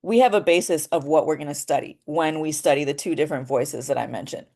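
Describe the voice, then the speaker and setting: Thoughtful low-voiced woman teaching. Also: quick pace, a little mellow. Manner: explanatory and thoughtful, with frequent "um" and "right?". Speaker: voice acting teacher. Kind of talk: casual spoken lesson.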